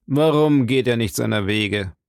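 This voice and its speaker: A man's voice: mid-range voice, unhurried, creaky, no room sound, studio quality. A man voicing a haughty, disdainful aristocratic nobleman in a storybook, with a cool, dismissive manner.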